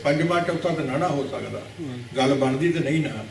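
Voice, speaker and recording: A man's voice: a little high, fairly quick, vocal fry. Man delivering a katha sermon in a big prayer hall; instructive, corrective delivery; recorded from a distance with strong room echo. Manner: didactic, repeats words to correct pronunciation; rhetorical questions to the audience. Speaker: Sikh preacher giving katha. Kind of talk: religious discourse explaining scripture. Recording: very echoey hall, mic at a distance.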